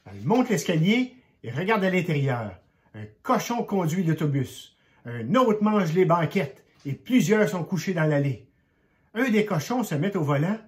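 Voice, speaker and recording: An older grandfather reads a picture book aloud to children. His voice sits a little high and moves expressively, and he drops to a hush for suspenseful moments. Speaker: grandfather storyteller.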